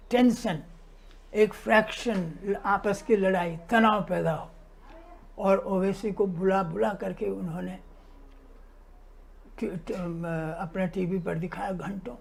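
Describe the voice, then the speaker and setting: A man's voice: high voice, vocal fry. A man giving impassioned social commentary, indignant and emphatic, piling up lists and rhetorical questions.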